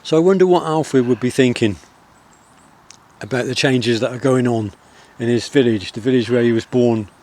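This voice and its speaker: A middle-aged Englishman with a Wiltshire country accent vlogs outdoors in the countryside, his medium-pitched voice soft-spoken. He reflects in a rambling way, with many pauses and fillers.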